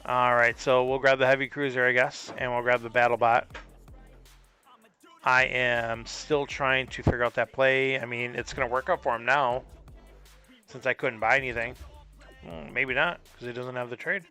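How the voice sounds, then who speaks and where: A man's voice: mid-range voice, fairly even intonation, normal speed, bright, forceful tone, smooth, soft background music. A man streaming a card game live, thinking aloud and puzzling over his opponent's moves in casual commentary.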